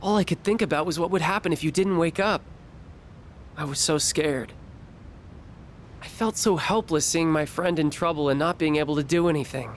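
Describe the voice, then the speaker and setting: A man's voice: on the high side, normal speed, a little hiss or hum, natural voice. A man voicing an earnest, caring teenage boy, a student, in a video game. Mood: earnest, remorseful. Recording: game music behind the voice.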